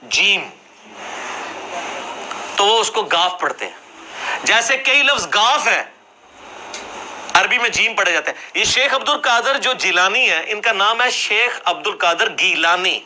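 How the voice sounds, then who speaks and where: Lecturing on religion in a classroom, this man from Jhelum in Pakistan's Punjab speaks in a high, bright, forceful voice with lively intonation and frequent pauses. He explains conversationally and asks for agreement with tag questions, over a rough recording with a little hiss or hum.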